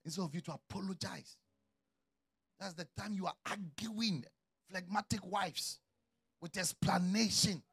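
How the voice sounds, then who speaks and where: A middle-aged man preaching a sermon as a pastor, swinging from quiet, low asides to loud shouted calls. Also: measured pace, creaky, pauses often, husky.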